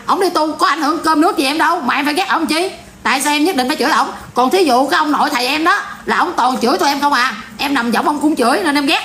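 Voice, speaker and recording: A woman's voice: high voice, slight background noise. A woman with a Southern Vietnamese accent ranting bluntly and casually to her viewers in a vlog. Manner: blunt, animated, repetitive ranting. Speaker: vlogger.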